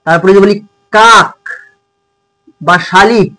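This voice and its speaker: A man's voice: sits high, slow pace, sharp tone, low-quality recording. A man tutor teaching a grammar lesson to schoolchildren, repeating points and checking in often. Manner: repetitive, checks in with "okay?".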